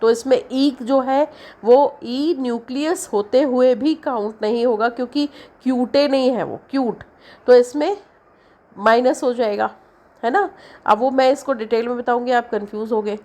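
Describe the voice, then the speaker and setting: A woman teaching an English syllabus lesson in Hindi, explaining slowly and stretching out the example words. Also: a little high, darkish tone.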